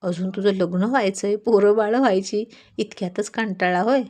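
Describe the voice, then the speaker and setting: A woman's voice: medium pitch, moderate pace, darkish tone, lightly acted. A woman voicing a bold, talkative young village woman who teases and chatters. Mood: playful.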